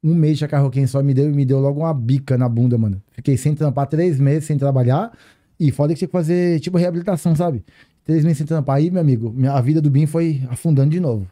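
A man with a Brazilian Portuguese accent holds the floor as a podcast guest, rattling through a story at high speed. His voice sits a touch high yet sounds very dark and mellow. He is animated and full of slang, and he acts out each exchange with the other people in the story. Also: fast. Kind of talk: casual storytelling chat.

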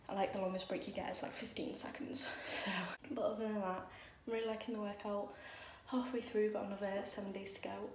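A woman's voice: medium pitch, dark tone. A young woman vlogging casually from her bedroom, rambling with lots of "like" and "um". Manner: chatty, rambling, many fillers like "like" and "um". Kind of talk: casual vlog chat. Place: bedroom at home. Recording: echoey room, faint noise.

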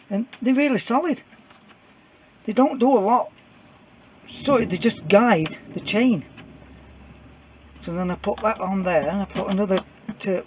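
A middle-aged DIY maker casually shows off his homemade build in an indoor workshop, rambling in plain speech with lots of uhs and restarts. He films his own hands off-camera on a camera mic, so his high voice comes through a rough recording with slight background noise.

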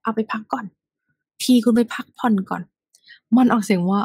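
A woman's voice: a little high, normal speed, a little mellow, husky, no echo. A woman teaching English pronunciation, repeating phrases over and over, often half-whispered, and teasing her students directly.

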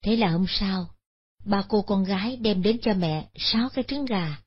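Husky woman narrating a moral story. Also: mid-range voice, normal speed. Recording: dull lo-fi recording.

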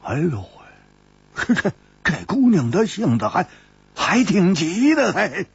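A boisterous young swordsman with a high, gravelly, hugely swooping voice, as a storyteller puts him on. He blusters and stammers through every line. The sound is dry and a little dull. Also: huge pitch swings, takes it slowly, dry recording, exaggerated voice. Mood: wheedling. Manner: loud, stammering, exclamatory. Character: brash hot-tempered young male swordsman.

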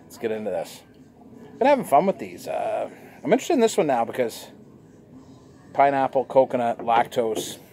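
A man's voice: mid-range voice, moderate pace, pauses often, slight background noise. A jovial, chatty man, reviewing a beer for his vlog on a sunny outdoor patio, recorded by a camera across the table. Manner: jovial, chatty, animated gestures. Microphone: fixed camera across a table.

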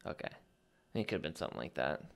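A man's voice: very deep voice, very animated, fast talker. A man co-hosting a podcast, casually telling an anecdote in a laid-back way, full of "like". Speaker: podcast co-host.

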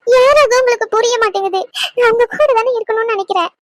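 A young pregnant cartoon wife, voiced by a woman, pleading and complaining through tears in a very high voice. She talks fast, and the recording is dry and close. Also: no room sound.

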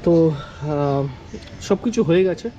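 A young man from Kolkata, a motorcycle vlogger, gives a halting casual walkthrough with English words mixed in. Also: fairly high pitch, expressive, dark tone, muffled recording, a little hiss or hum. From Kolkata, India.

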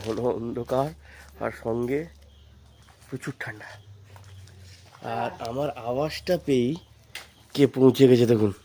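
A man filming a home vlog, narrating to viewers and coaxing his little son in gentle baby talk. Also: mid-range voice, steady tone, measured pace, pauses often, a little hiss or hum. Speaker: vlogger and father. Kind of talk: casual family vlog narration. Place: home at night, indoors and at the gate.

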